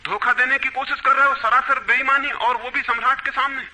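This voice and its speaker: A man's voice: very high voice, fairly even intonation, brisk, voice pushed up, exaggerated voice, rough recording. A man doing an indignant emperor. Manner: sharp, accusing questions. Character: indignant emperor scolding a cheat.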